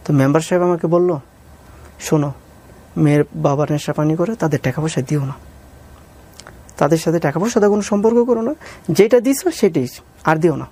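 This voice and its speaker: Speaking with a Bangladeshi accent, this man shares his own story in an interview, acting out past conversations and deferentially saying sir to the interviewer. His fairly high voice has a dark tone, and he talks a little fast, with long pauses.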